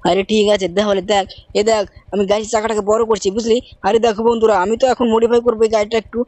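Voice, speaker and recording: Woman gamer host, fast bossy banter, slightly high, close dry mic. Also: flat delivery, warm tone, no room sound. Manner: rapid, bossy uncle-style banter. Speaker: gaming channel host. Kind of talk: game role-play commentary.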